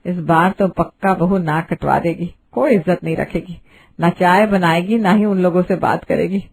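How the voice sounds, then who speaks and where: Cartoon mother-in-law, middle-aged and status-anxious, grumbles in a lowered voice, played by a woman. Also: steady tone, normal speed, gravelly, breathy edge. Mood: fretful. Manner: grumbling, fretful.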